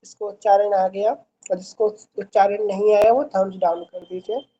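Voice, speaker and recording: A woman's voice: mid-range voice, fairly even intonation, normal speed, mellow, dull audio. A woman teaching an online Sanskrit class, patiently reciting verses syllable by syllable and encouraging her students. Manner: encouraging and reassuring.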